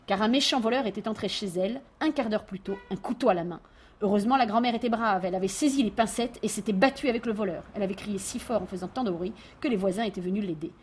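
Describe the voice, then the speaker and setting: A woman reading a children's tale aloud, with expressive, animated narration. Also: medium pitch, fast talker, slight background noise. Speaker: storyteller.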